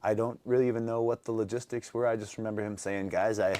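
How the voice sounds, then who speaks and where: Low-voiced young man telling stories. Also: fairly even intonation, fast talker, dark tone, a little hiss or hum. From North Dakota, USA. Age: 20s. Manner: rambling storyteller, many fillers and restarts. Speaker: guest musician. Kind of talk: casual interview chat.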